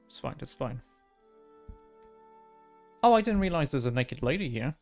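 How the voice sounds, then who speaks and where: A man's voice: medium pitch, big pitch swings, moderate pace. A man doing casual video game commentary, sometimes muttering to himself and reading on-screen text aloud in a hesitant way. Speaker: gaming streamer. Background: faint game music.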